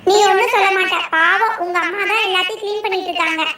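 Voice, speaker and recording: A woman's voice: very high voice, fairly even intonation, quick pace, roomy sound, distant mic, a crowd in the background. A woman voicing bossy, scolding young girls in a cartoon, talking in a telling-off, know-it-all way. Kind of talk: cartoon dubbing.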